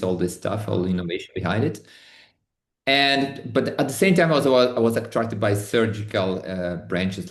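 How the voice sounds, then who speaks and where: A middle-aged Italian man with an Italian accent, speaking as an interview guest in careful English with many pauses and restarts. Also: fairly low pitch, reverberant. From Italy. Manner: thoughtful, many restarts and hesitations. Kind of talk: online interview.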